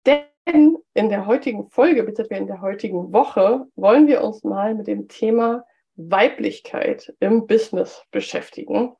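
A woman hosts a solo business podcast, her mid-pitched voice slightly hoarse from a cold yet mellow, moving at a normal speed. She chats along with frequent "ähm" fillers, and the recording sounds a bit dull and lo-fi.

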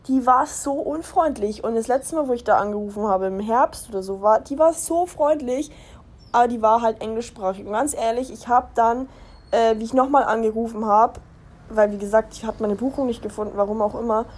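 In a fairly high, slightly mellow voice at normal speed, a young adult woman from Germany hosts a personal podcast. She talks casually, giggling and chatting, often rambling and breaking into her own sentences.

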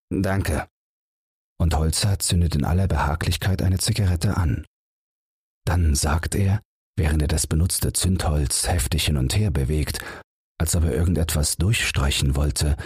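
A man reading a bedtime audiobook in a calm, unhurried manner with a husky voice, close to the mic. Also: rumbling low, dry recording. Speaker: audiobook narrator.

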